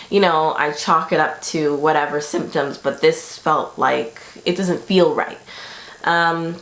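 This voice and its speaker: A young woman talking casually to her viewers, rambling along with plenty of fillers. Her voice sits a little low. The room gives it a noticeable echo. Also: fairly bright tone. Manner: chatty, rambling, lots of fillers. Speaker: vlogger. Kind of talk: casual pregnancy update vlog.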